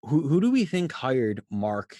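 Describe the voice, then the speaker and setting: A man's voice: medium pitch, big pitch swings, unhurried, dark tone, no room sound. A man co-hosting a podcast, chatting casually and posing questions with frequent filler words. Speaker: podcast co-host. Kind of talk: casual chat.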